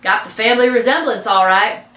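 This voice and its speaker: Quiet worn-out father figure, woman reader, dry few words, echoing room. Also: on the high side, fairly quick. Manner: laconic, dry. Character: quiet tired father, middle-aged man. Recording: roomy echo.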